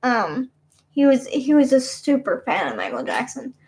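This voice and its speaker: A young woman in her twenties talks to her webcam from a small bedroom, her voice sitting high and light. She rambles through casual stories, leaning on fillers like "you know what I mean". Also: big pitch swings, normal speed, a little mellow. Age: 20s. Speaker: streamer. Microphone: webcam at desk.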